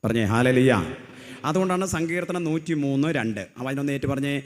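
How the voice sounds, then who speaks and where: A man's voice: fast, slight background noise. Rousing middle-aged male preacher. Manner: rousing call-and-response, has the crowd repeat after him; swings from loud emphatic cries to low storytelling. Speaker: lay preacher. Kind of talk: sermon.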